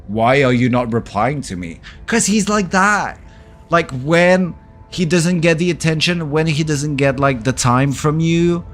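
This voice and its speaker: A man streaming a game while chatting casually, telling a story in an animated, exasperated way and swearing now and then. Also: a little high. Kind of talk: casual chat while gaming.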